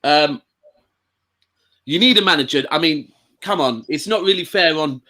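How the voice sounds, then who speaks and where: Bright-voiced teasing man pundit. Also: fairly high pitch, moderate pace. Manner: teasing, joking banter. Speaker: football pundit. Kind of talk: casual panel chat.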